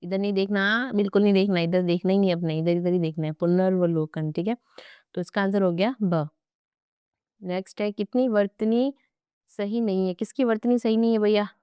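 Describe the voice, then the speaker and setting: A woman's voice: medium pitch, fairly even intonation, fairly quick, dark tone, clean tone, dry recording. A young woman teaching an exam-prep grammar lesson, chatty and playful, with asides to her students.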